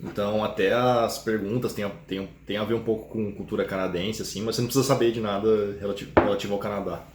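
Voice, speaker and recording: A low-pitched man talks quickly and easily as a guest on a live chat. He explains at length and laughs often. The sound is roomy with faint background noise. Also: fairly even intonation. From Brazil, São Paulo. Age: 30s. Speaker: interview guest, programmer. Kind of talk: casual live-stream chat.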